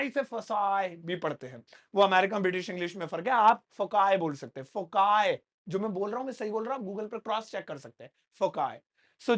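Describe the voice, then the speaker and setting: A man teaches a spoken English lesson in a classroom. His delivery is playful and lively, with joking asides to the students. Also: high-pitched.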